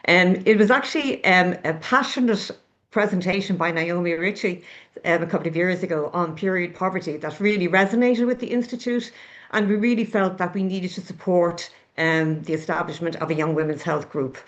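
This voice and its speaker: Lady director giving a polite welcome speech over a call, lowish voice, muffled sound. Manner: measured, courteous. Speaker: institute director. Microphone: video call. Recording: dull lo-fi video call audio.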